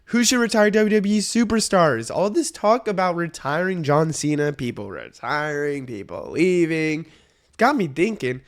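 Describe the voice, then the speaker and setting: A young man with a sick-sounding voice, hosting a casual opinion vlog, rambling and correcting himself as he goes. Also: fairly high pitch. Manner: rambling, hedging, self-correcting. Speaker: wrestling video host.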